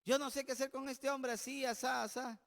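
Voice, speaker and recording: A man voicing a wife who complains softly and plaintively about her husband. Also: very high voice, little pitch movement, fairly quick, vocal fry, in a large hall, full character voice. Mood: complaining.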